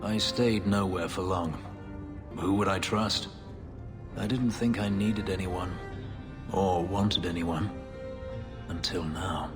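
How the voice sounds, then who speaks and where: In a video game cutscene, a haunted former slave who has become an elf warrior speaks in a very low, darkly brooding voice, using measured, formal, clipped sentences as he holds himself in check. His intonation stays fairly even and the mood is tender, while a loud game score plays beneath him.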